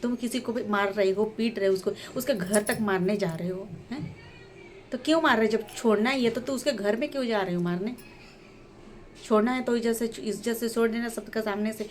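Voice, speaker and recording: A woman's voice: fairly high pitch, brisk, darkish tone, slight background noise. A woman vlogger giving heated commentary, firing off rhetorical questions and often restarting her sentences. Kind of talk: indignant commentary on a couple's breakup.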